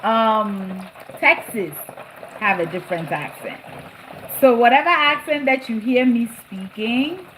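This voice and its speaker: A middle-aged woman with a slight New Jersey accent hosts a cooking live stream from her home kitchen, chatting casually with viewers and often repeating phrases for emphasis. Her voice is fairly high, a little slow, and a bit bright. The audio is poor, with sizzling and bubbling from frying and boiling food behind her.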